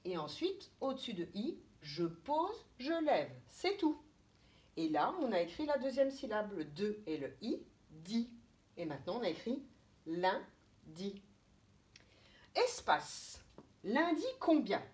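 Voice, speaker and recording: A woman, a kindergarten teacher giving a slow, step-by-step handwriting lesson to young children. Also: medium pitch, big pitch swings, a little mellow. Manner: slow, step-by-step instructions, thinking aloud.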